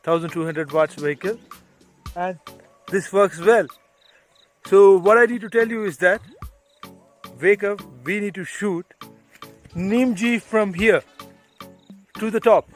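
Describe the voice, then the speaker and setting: High-voiced Malayali man mixing Malayalam and English. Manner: mixes Malayalam and English, addresses viewers directly. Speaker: vlog presenter. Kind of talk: casual vlog demonstration.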